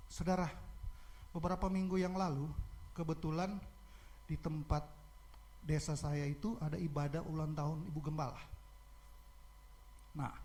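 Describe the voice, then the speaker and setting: A middle-aged man preaching a sermon as pastor, telling a personal story with swings from soft, quiet passages to loud, shouting emphasis. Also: high voice.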